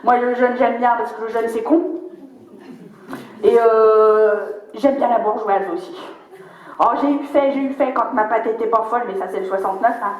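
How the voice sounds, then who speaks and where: A woman's voice: a little high, steady tone, normal speed, close to an everyday voice. A woman performing a crude, spiteful old grandmother in a comedy monologue, foul-mouthed and gleefully mocking. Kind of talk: stand-up character monologue. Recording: dull, echoey room sound.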